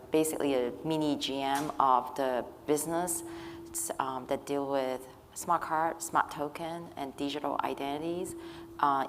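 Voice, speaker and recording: A woman speaking on a conference panel, hoarse after losing her voice, earnest and restarting often. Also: rumbling low. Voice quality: husky, strained. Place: conference luncheon hall. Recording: reverberant hall, faint room noise.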